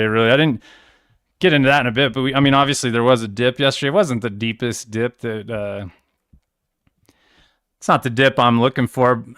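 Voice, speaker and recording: A man's voice: medium pitch, fairly bright tone, no room sound, studio quality. A man hosting a crypto trading livestream, casually walking through charts in a rambling, self-correcting way. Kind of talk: casual screen-share walkthrough.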